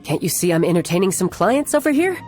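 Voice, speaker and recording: A man playing a cocky young warrior commander and doting big brother in a video game, with a theatrical, smooth-talking, authoritative manner. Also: sits high, big pitch swings, fast talker, a little mellow. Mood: casual, placating. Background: background music.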